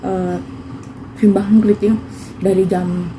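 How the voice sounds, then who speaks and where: A woman's voice: medium pitch, little pitch movement, takes it slowly, noisy background. A young woman vlogger, chatting homely and casual to viewers while chewing her food. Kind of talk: casual mukbang vlog. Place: home kitchen.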